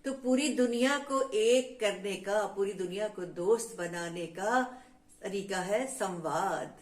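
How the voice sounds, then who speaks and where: Slow, teacherly woman storyteller for kids, echoey room. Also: mid-range voice. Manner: teacherly, addresses listeners as friends. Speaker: storyteller for children. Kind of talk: children's storytelling lesson. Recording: roomy echo.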